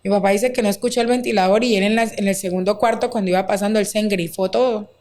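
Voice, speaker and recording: A woman, a guest recounting a deeply painful personal story, acting out quoted dialogue with many fillers. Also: fairly even intonation, fast, a little mellow. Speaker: interview guest. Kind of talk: emotional personal testimony.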